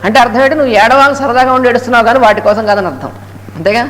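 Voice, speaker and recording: A man giving a spiritual discourse on a scripture, telling its story and chanting Sanskrit verses slowly between quick explanations. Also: very high voice, a bit bright. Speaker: Gita lecturer. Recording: echoey hall with faint noise.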